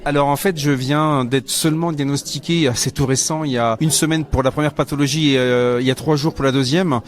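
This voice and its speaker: Fast, earnest man in his thirties. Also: mid-range voice, steady tone. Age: 30s. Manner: earnest, halting with fillers. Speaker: association representative. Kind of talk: interview answers.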